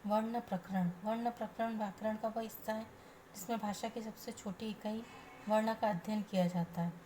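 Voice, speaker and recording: Mellow-voiced woman reading a grammar lesson. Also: medium pitch, flat delivery, a little hiss or hum. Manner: measured, reciting letters one by one. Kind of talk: read-aloud grammar lesson.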